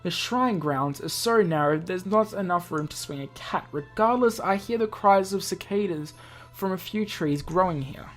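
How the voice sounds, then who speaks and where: In a casual let's play with game music in the background, a woman reads visual novel dialogue out loud and chimes in with chatty asides. Her voice is on the low side, lively in intonation, and moves at a normal speed.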